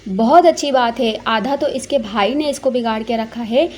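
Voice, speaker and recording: A woman's voice: sits high, moderate pace, slight background noise, natural voice. A woman voicing a stern, exasperated middle-aged mother who scolds and reasons. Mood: sarcastic.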